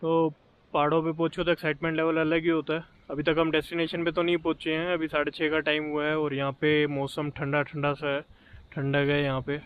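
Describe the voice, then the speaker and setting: A travel vlogger in his thirties talks chattily and upbeat to a handheld camera held at arm's length, moving between a roadside, a car interior and a lakeside outdoors with road and traffic noise behind. His voice is on the high side, monotone, smooth and a little fast, with phone-quality sound.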